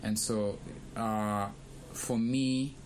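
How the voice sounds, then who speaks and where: A young man who grew up in Kenya, co-hosting a casual discussion and speaking in a thoughtful, measured way with pauses. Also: fairly low pitch, fairly even intonation, a little hiss or hum. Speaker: podcast co-host.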